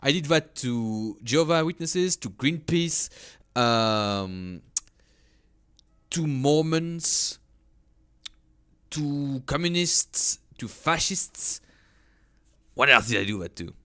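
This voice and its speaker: A man's voice: mid-range voice, lively intonation, slow, pauses often, pushed and bright, smooth. A male streamer giving casual, jokey gameplay commentary, rambling and stammering as he talks.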